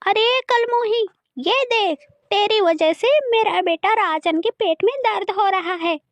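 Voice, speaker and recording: A woman voicing a harsh, scornful stepmother in a cartoon story, with a shrill, cutting voice. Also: sing-song, unhurried, no echo, heavily acted. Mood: scolding. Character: harsh scolding stepmother, favours her own son.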